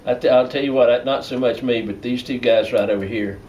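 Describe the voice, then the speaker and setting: A man's voice: mid-range voice, fairly even intonation, fairly quick, a little mellow. An older man with an Appalachian Southern accent, reminiscing casually in folksy, colloquial speech. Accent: Appalachian Southern American. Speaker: storyteller sharing family memories. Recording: distant mic with clear background noise.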